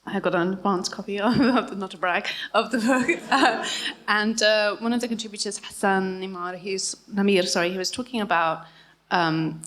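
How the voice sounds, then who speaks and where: Woman, medium pitch, chatty panelist, light laughs, quick self-corrections. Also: fairly even intonation, fairly bright tone. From Scotland. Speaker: panelist, writer. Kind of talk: casual chat at a live panel.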